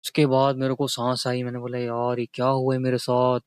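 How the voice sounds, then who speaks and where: A man's voice: medium pitch, completely flat delivery, brisk, clean tone, no echo. Chatty young man from Karachi. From Karachi, Pakistan. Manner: chatty, tags lines with a repeated check-in filler. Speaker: vlogger. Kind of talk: casual storytelling to camera.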